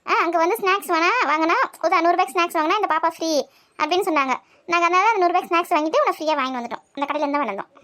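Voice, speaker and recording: A woman's voice: very high-pitched, racing, sharp tone. A woman as a bossy, teasing mother. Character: scolding busy mother of two daughters. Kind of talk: comic family skit.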